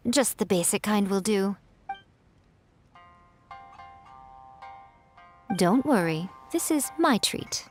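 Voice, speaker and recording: A woman's voice: mid-range voice, expressive, unhurried, a little mellow, close to an everyday voice. A woman playing a sly, self-assured fox-spirit woman in a video game, poised and teasing as she lectures. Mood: dramatic, breezy. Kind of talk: video game character acting. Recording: music behind.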